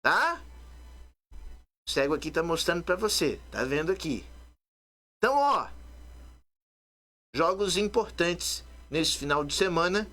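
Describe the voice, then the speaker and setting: A man's voice: a little high, animated, unhurried, long pauses, pushed and bright. A man hosting a live radio sports show, talking emphatically and addressing listeners directly. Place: radio studio.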